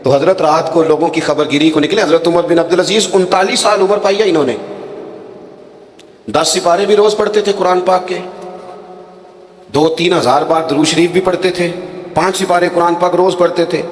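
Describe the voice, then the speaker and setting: A man delivers a sermon and brings in acted quotes as he tells stories. His voice sits somewhat high. It carries a long echo, as if recorded in a large hall. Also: steady tone. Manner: storytelling with dramatic acted quotes. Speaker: preacher. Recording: echoey hall with long reverb.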